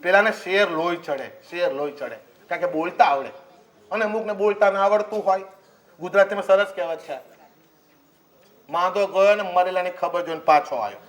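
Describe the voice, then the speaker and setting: A male preacher with a notably high voice. He delivers his sermon as a comic story, acting out each character's lines and dropping in laughing asides as he goes. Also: brisk.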